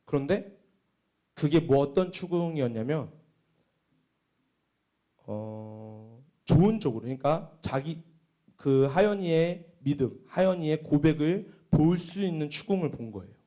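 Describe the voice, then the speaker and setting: A young man, a junior pastor, preaching a sermon with emphatic swings between loud exclamations and hushed asides. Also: a little high, lively intonation, a little slow, pauses often.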